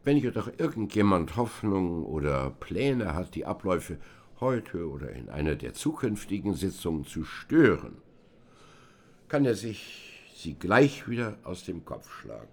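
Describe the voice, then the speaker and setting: A stern committee chairman speaks in a deep, low voice that rises and falls widely. He talks formally and emphatically, officious and in full command of the room. The setting is a radio play of a hearing. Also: very animated, measured pace, vocal fry, exaggerated voice.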